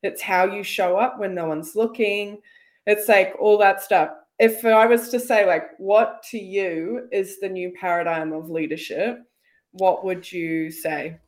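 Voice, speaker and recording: A woman's voice: mid-range voice, steady tone, measured pace. A woman hosting a casual podcast interview, affirming her guest with enthusiastic, slangy comments and reflective summaries. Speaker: podcast host.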